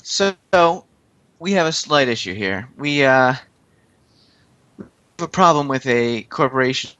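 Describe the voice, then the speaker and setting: A man's voice: medium pitch, unhurried, dull audio. A game master voicing a businesslike male fixer who hires runners in a tabletop role-play stream, speaking in his own plain voice. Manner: calm, plain-spoken, ruthless demands. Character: male Mister Johnson, cold businesslike corporate fixer.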